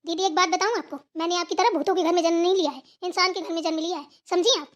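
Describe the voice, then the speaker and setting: A woman's voice: extremely high pitch, steady tone, quick pace. A woman voicing a lazy, spoiled young daughter-in-law who talks in a whiny, defiant way.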